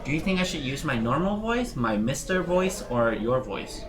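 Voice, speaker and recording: A man's voice: fairly high pitch, very animated, normal speed, noisy background. A man chatting casually as a player at a tabletop game.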